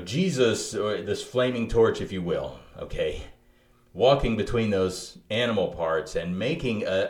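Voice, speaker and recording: A man co-hosting a podcast, talking through theology in an animated way, thinking aloud with many restarts. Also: deep voice, roomy sound. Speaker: podcast co-host. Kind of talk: theological conversation.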